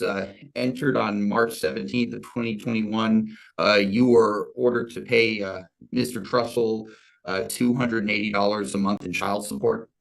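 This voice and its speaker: An American man questioning formally as a state's attorney, halting and hesitant, often repeating his words. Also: lowish voice, creaky, clean tone, rough recording. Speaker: state's attorney in child support case. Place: court hearing over video call.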